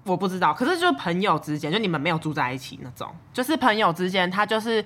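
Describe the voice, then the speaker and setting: A woman's voice: fairly low pitch, fast talker. A young woman with a Taiwanese Mandarin accent, co-hosting a casual podcast chat and acting out the stories she tells. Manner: animated storyteller, acts out quotes. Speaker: podcast co-host.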